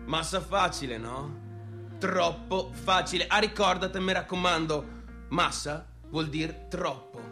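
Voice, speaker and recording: Teasing again, the Venetian-accented only son talks to listeners with a sharp tone, his male voice a little high and a little slow over faint music. The actor keeps the radio monologue colloquial and repetitive, the brash, unsettled character shifting between clowning and defensiveness.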